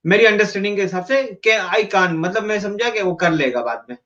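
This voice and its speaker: High-voiced man, distant dull call audio. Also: fairly quick, bright, forceful tone. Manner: tells a personal anecdote conversationally, with fillers. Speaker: discussion partner.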